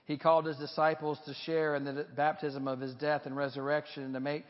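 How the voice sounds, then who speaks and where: A male pastor reads liturgy and prayers to his congregation in measured, formal phrases. His voice sits a little high for a man. The sound is somewhat muffled, with a long cathedral echo trailing each phrase. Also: completely flat delivery. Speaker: pastor leading a baptism reaffirmation service. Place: large reverberant church.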